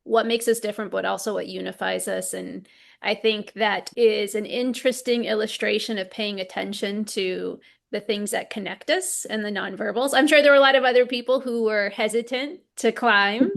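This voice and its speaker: A woman hosting a casual family discussion, affirming and reflecting back in a measured way. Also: mid-range voice, creaky. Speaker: host and therapist.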